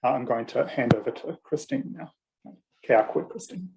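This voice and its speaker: This is a New Zealand man with a mid-range voice, speaking in a measured, formal conversation. He pauses often and hesitates between phrases. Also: medium pitch, animated, creaky, heavy background noise. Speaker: writer and university student. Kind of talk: formal conversation with Māori greetings.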